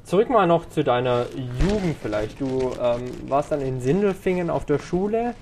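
Podcast host man, slightly high voice. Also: animated, moderate pace, darkish tone, slight background noise. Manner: friendly, many filler sounds. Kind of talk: casual interview hosting.

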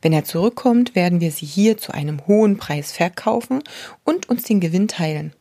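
A woman's voice: fairly low pitch, lively intonation, normal speed, dark tone, no room sound, studio quality. A woman reading aloud and voicing a proud young male apprentice who explains himself earnestly.

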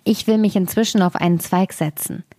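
A woman reading a fairy tale aloud, voicing a bold, vengeful male sparrow in a high, sharp, taunting tone. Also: fairly even intonation, a little fast, dry recording, studio quality, close to an everyday voice. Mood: friendly. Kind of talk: storybook reading.

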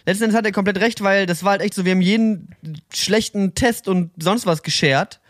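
A man's voice: high-pitched, brisk, fairly bright tone, dry recording, clean studio sound. A man in his thirties co-hosting a podcast, chatting casually with swearing and slang. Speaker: podcast co-host.

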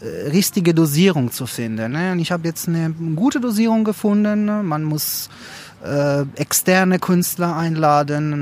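A man answering interview questions as a lecturer, speaking haltingly with many fillers. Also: a little high, darkish tone.

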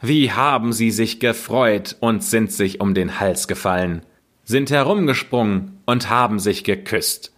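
A man narrating a fairy tale in a slow, expressive reading. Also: on the low side. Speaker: storyteller.

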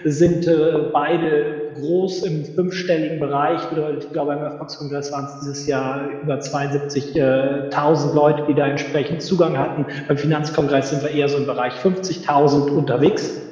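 A man's voice: level tone, normal speed, few pauses, a little mellow, muffled recording. A man talking as an interview guest, recorded poorly from his home office without a proper microphone and with heavy room reverb. He explains things at length, with frequent filler sounds and restarts. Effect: low-quality home-office recording with heavy room reverb and no proper mic. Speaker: interview guest, event entrepreneur. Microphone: unsuitable microphone.

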